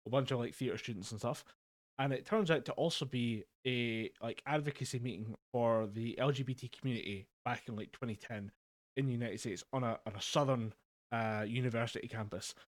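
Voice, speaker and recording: A young Scottish man co-hosts a casual podcast in a medium-pitched, fairly quick voice with no echo. Recorded on a home mic over a voice call, he rambles through stories, swearing often and laughing a lot.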